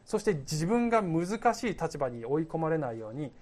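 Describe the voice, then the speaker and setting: A man giving a relaxed, conversational sermon as pastor. He tells stories from his own life and often laughs at himself. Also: on the high side, moderate pace.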